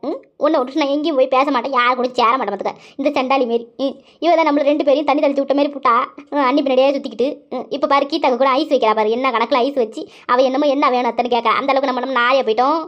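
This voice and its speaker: Lady doing a complaining little-sister auntie in a cartoon, high and fast. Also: steady tone, dull audio, lightly acted. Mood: plotting. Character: younger sister aunt, petty and whining. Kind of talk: cartoon voice acting.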